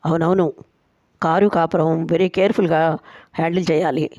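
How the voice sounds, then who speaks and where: A woman's voice: low voice, steady tone, normal speed, a little mellow, dry recording, muffled recording. A woman storyteller voicing a boastful, playful young man who agrees to every condition.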